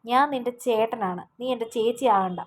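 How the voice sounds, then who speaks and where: A man's voice: extremely high pitch, normal speed. A woman reading a young man's lines in an audio novel, a tired, grieving son who speaks in a heavy, subdued way. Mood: angry. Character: grieving young man, worn out, quick-tempered.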